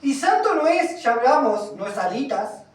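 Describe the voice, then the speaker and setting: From a distance in an echoey congregation hall, with the service also streamed, a preacher gives an emphatic sermon in a high, very animated voice at a moderate pace. He reads scripture aloud and puts questions to the congregation.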